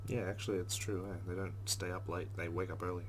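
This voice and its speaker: A let's play host with a lowish voice reads a visual novel aloud briskly, expressive and dropping into casual commentary as he plays. Faint noise sits beneath his voice.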